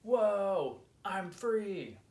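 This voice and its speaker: A man voicing a young, excitable and mischievous male magpie in a raised, chirpy, childlike voice for a storybook. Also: a little high, moderate pace, lightly acted. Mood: excited. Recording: roomy echo.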